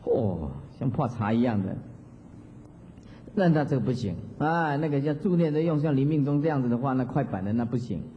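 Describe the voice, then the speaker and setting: A man's voice: mid-range voice, expressive, brisk, slight background noise. Man giving a chanting dharma talk. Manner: chants and mimics examples, chuckles often. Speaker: Buddhist monastic teacher. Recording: dull lo-fi hall recording.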